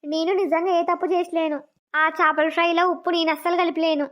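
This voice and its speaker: A squeaky scheming sister-in-law. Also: female voice, little pitch movement, fairly quick. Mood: indignant. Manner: sly, then loudly self-pitying denials. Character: scheming young woman, spiteful sister-in-law. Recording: dull lo-fi cartoon audio.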